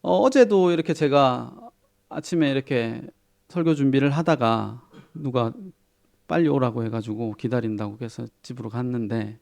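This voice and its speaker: A middle-aged man preaching a sermon in a chatty, self-deprecating storytelling way, with soft chuckles and quiet asides. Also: medium pitch, moderate pace, gravelly. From Korea. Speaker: pastor.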